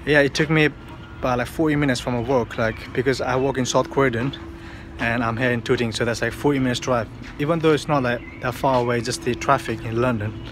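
A man's voice: medium pitch, steady tone, a little fast. A man in his thirties vlogging to a phone at arm's length outdoors and in a car, rambling with many fillers and restarts. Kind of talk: casual vlog to camera. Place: outdoors on city streets, partly in a car. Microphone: phone held at arm's length. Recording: phone recording with clear street noise. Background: street and car noise.

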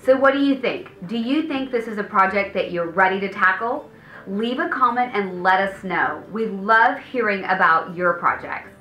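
Hosting a home design video, a woman in her thirties delivers a polished, upbeat script to camera in a bright, forceful, medium-pitched voice at a moderate pace. The indoor studio set has a paneled wall, and the sound carries a roomy echo along with faint music.

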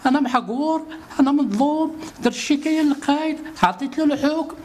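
A man's voice: very high-pitched, quick pace, darkish tone, a little hiss or hum. A man with a Moroccan Arabic accent, a citizen pleading for help in a street interview and repeating his grievances insistently.

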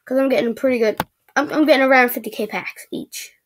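A woman giving excitable, chatty commentary while opening packs in a video game, often stammering. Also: sits high, fast, a little hiss or hum. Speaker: gaming video creator. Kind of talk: casual gaming commentary.

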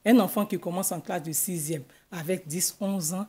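A middle-aged woman with an Ivorian French accent, a school guidance counselor explaining things in a measured way in a TV studio interview. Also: lowish voice, darkish tone. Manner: measured, explanatory, gestures with her hands. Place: TV news studio. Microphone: desk microphone.

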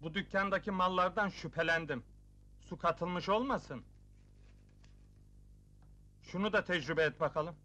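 A quick-witted young joker from a 1980s film comedy. His voice sits high and sounds bright and forward. He talks in teasing, playful comebacks. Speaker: film lead.

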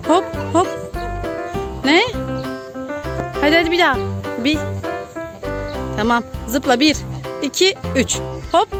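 A woman with a Turkish accent films her little one on the playground, counting him through jumps and cheering every try. Her voice sits high and bright, and it carries a coaxing, playful lilt. Music plays clearly underneath the handheld phone recording. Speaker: mother filming her child. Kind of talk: casual chat with a toddler. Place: outdoor playground.

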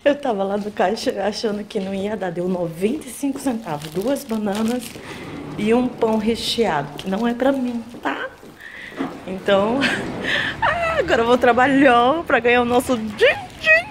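A woman's voice: a little high, sing-song, moderate pace. A woman chatting expressively to her viewers in a casual vlog. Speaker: vlogger. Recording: noisy handheld recording.

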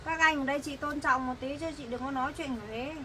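A woman's voice: high voice, steady tone, fast talker, sharp tone, distant mic, a little hiss or hum. A woman playing an exasperated young woman. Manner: pleading, exasperated. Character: weary young woman pleading with her sister to leave. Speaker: actor in a family skit.

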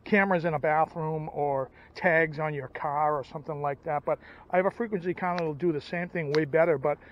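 Out by a stream and at a parked car, a middle-aged man enthusiastically narrates his outdoors and ham radio vlog in a folksy, casual way on a handheld camera. He talks briskly in a slightly high voice with fairly even intonation, captured in lo-fi sound.

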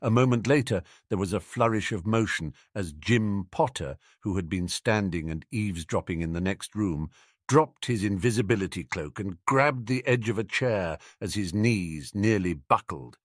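A man narrating a fan-fiction audiobook with expressive storytelling. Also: on the low side, moderate pace, no room sound, studio quality.

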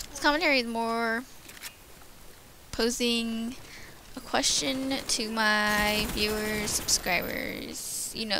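A young woman giving casual gameplay commentary, rambling with lots of fillers and stumbling over her words, tired from lack of sleep. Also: mid-range voice. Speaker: gaming commentator. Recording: noisy home recording.

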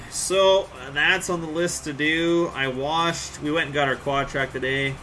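A man's voice: a little high, fairly even intonation, measured pace, sharp tone, a little hiss or hum. A man, live streaming a farming game and chatting casually with viewers in a rambling, joking way. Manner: laid-back, rambling, joking with chat.

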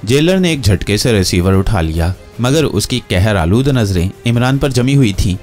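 A man's voice: lowish voice, expressive, moderate pace, darkish tone, soft background music. A man reading a novel aloud as narrator, steadily telling the story and voicing every character. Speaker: audiobook narrator.

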